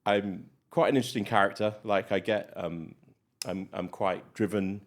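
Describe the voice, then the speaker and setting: A man's voice: lowish voice, steady tone, moderate pace. A middle-aged man with a British accent, a guest doctor chatting casually in an interview, rambling with many fillers. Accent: British English. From Malawi.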